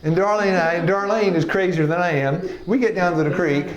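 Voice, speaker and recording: A man's voice: sits high, fairly quick, roomy sound, crowd noise. A man in his sixties, a health evangelism teacher, telling his life story to a class in a folksy, joking way and laughing often. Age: 60s. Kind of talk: personal testimony in a class. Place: classroom with a live audience.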